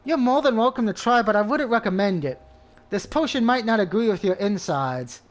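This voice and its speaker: A man's voice: high voice, expressive, normal speed. A man reading the part of a playful woman witch with a sing-song manner.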